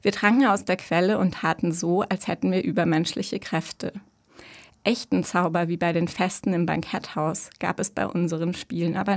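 Gravelly low-voiced woman narrator. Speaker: audiobook narrator. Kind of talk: scripted narration.

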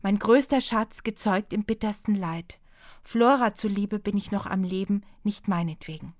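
A woman reading as an embittered young mother from a historical audiobook, bitter and sharp-tongued. Her words come hard and raised, close and dry with no room around them. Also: medium pitch, moderate pace, no echo, natural voice. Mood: fierce.

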